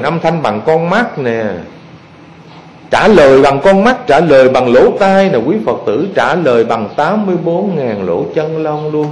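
A Buddhist monk gives a sermon, his pitch swinging widely as he tells stories. He keeps turning to the audience with questions. The sound echoes through a temple hall. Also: a little hiss or hum. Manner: lively storytelling, often asks the audience questions. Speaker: Buddhist monk giving a dharma talk. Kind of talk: sermon to lay followers.

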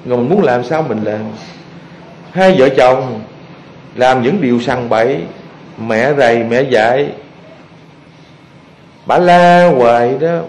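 A man, a Buddhist monk, preaching to his followers in a lively storytelling manner and often asking the audience questions. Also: medium pitch, slow pace, long pauses, a little hiss or hum. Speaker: Buddhist monk giving a dharma talk. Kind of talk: sermon to lay followers. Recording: echoey hall.

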